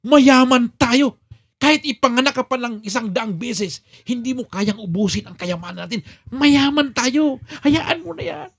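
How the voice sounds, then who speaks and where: A man's voice: very high-pitched, expressive, a little fast, creaky, few pauses, a bit bright, husky. A Filipino man preaching a sermon, telling a story dramatically and acting out the characters' lines while addressing the congregation as brothers and sisters. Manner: addresses congregation as "mga kapatid". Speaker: pastor.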